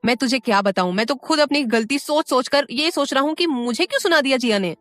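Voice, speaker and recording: A woman's voice: high voice, lively intonation, a little fast, a bit bright, no room sound, voice pushed up. Woman voicing a grumbling lovestruck young man. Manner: grumbling, blunt.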